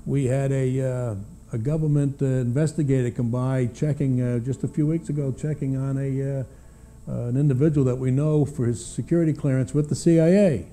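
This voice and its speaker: An older American man giving unscripted witness testimony in a hesitant, halting way, with frequent uhs and pauses. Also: medium pitch, fairly even intonation, warm tone. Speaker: witness, former government aviation official. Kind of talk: personal testimony, unscripted recollection.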